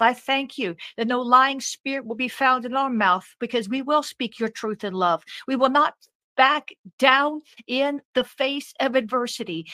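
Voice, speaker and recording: A woman acting as prayer leader delivers a fervent spoken prayer in a high, bright, forceful voice, recorded with no room sound. Her phrases repeat in a rhythm that rises and builds into exclamations, and she briefly speaks in tongues.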